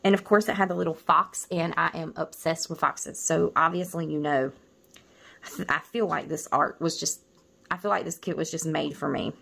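A middle-aged woman talks through her planner supplies in a loose show-and-tell, her voice carrying a gravelly, creaky edge. She rambles, restarts her thoughts and trails off, with a tender, wistful warmth underneath. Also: low-pitched, steady tone, moderate pace. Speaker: planner vlogger.

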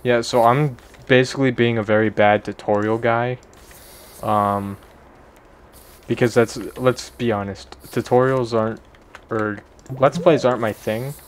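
A man's voice: medium pitch, fairly even intonation, a little slow. A young man giving casual, rambling gameplay commentary, self-deprecating and swearing offhandedly. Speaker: gaming video creator.

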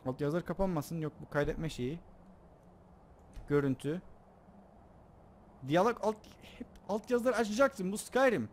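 A young man casually commenting on his own gameplay, joking and excitable, talking to his viewers. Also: high voice, measured pace, pauses often, a little hiss or hum. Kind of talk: casual let's play commentary.

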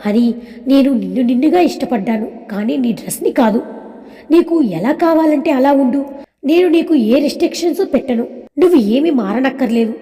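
A woman voicing an earnest, gently teasing young college man in an audio story, speaking softly and sincerely. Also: sits high, expressive, normal speed. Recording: long hall reverb.

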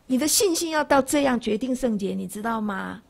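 Her voice a little high and creaky, a sixty-something woman from Taiwan speaks fairly quickly as she delivers an animated Buddhist lecture in a classroom, peppering the audience with rhetorical questions.

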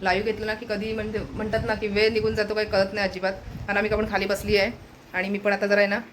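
With a medium pitch and a totally flat delivery, the vlogger speaks quickly against a noisy background. She's low-voiced because she's fasting, chatting informally to the camera in her home vlog and occasionally cooing at her pet.

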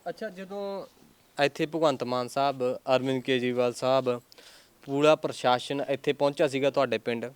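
A gentle man from Punjab, India, interviews a grieving family. His voice is smooth and resonant, and he prompts with patient questions and quiet consolation. His pitch is ordinary for a man. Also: normal speed, no echo. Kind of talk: field interview.

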